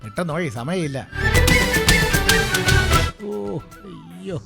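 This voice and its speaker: A man's voice: a little high, huge pitch swings, takes it slowly, exaggerated voice. A man playing a drunken, scheming older brother who bickers in slurred speech and turns weepy. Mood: boozy. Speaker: elder brother in a drunken comedy scene. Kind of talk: comic web series acting. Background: loud music score.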